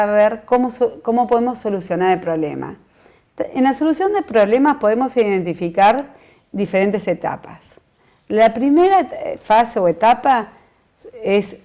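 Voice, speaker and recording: A woman with a Uruguayan Spanish accent teaching a recorded training course, explaining in a measured way with frequent fillers and restarts. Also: mid-range voice, a little mellow. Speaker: course instructor.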